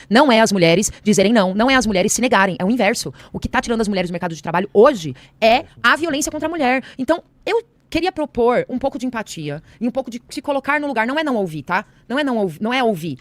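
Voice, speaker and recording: A woman's voice: fairly high pitch, animated, rapid-fire, dry recording. A woman arguing in a heated studio podcast debate, insistent and repeating her phrases with many fillers.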